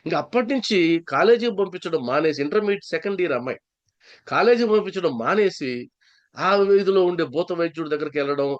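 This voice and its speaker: Fast and animated, this high-voiced man from Andhra Pradesh, a psychologist and spiritual speaker, narrates a story in a satsang, repeating important phrases for stress. The audio sounds muffled.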